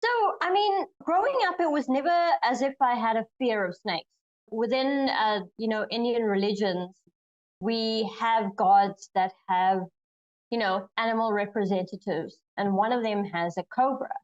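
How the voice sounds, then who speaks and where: A woman's voice: on the high side, moderate pace, muffled recording. A young woman from Zimbabwe, a snake researcher, answering interview questions thoughtfully over a video call, with frequent fillers and restarts. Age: young adult.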